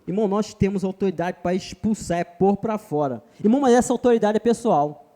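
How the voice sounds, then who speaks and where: A man's voice: high voice, fairly quick, dark tone. A man with a Brazilian Portuguese accent preaching a sermon at a church retreat, emphatic, repeatedly calling his listeners brother.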